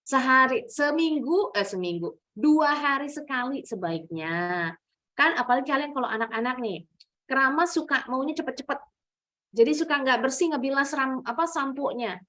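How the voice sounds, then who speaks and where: A woman's voice: high voice, lively intonation, moderate pace, pushed and bright. A woman teacher running an online class for children, explaining step by step and exaggerating the rise and fall of her voice to show examples. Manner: patient, explains step by step with exaggerated rising and falling demos. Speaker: English teacher.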